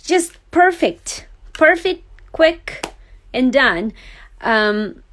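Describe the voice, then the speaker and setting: A woman's voice: sits high, lively intonation, very slow, a bit bright, a little hiss or hum, low-quality recording. A woman from Serbia, hosting a casual card-making livestream from her craft desk, chatting and thinking aloud as she works and laughing easily. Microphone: overhead camera on desk.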